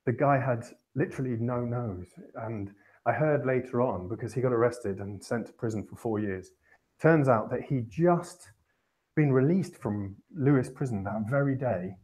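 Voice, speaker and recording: A man's voice: mid-range voice, moderate pace, darkish tone, husky. A man hosting a podcast, telling a long personal anecdote in a rambling, self-correcting way with wry chuckles. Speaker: podcast host. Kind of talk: casual anecdote storytelling.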